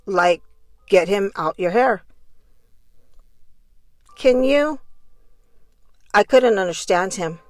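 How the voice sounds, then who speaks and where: Slow-paced woman reading courtroom testimony. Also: medium pitch, dry recording.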